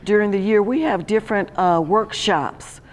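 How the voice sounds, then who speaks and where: A woman's voice: mid-range voice, moderate pace. A middle-aged woman speaking emphatically about genealogy workshops, seated in a community center room. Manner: emphatic, preachy. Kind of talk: community talk. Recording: roomy hall echo.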